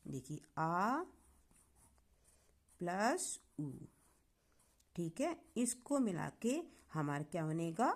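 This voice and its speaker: A woman teaching a grammar lesson online, explaining patiently, sounding out syllables slowly and asking the class questions. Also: on the low side.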